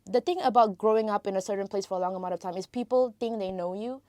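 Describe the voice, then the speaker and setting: A young adult international student from Malaysia, whose first language is Tamil, chats as a guest in a casual podcast interview. Her Malaysian English carries an American influence, and she talks fast with a medium-pitched, darkish voice, full of "like" and "you know" and frequent restarts. The recording is dry.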